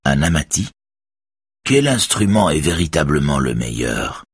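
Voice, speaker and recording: A man's voice: rumbling low, big pitch swings, unhurried, husky, no echo, clean studio sound, exaggerated voice. A man voicing a sinister male collector who keeps his menace tightly controlled behind a smile, read in an audiobook. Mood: cold. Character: sinister smiling male collector, cold host.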